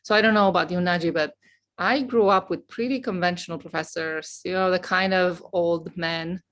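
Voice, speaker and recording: A middle-aged woman from Romania tells her story as a guest on an interview show. Her voice sits a little low, and her delivery is boisterous and outgoing. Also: fairly even intonation, normal speed, fairly bright tone. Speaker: guest, professor. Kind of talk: casual interview chat.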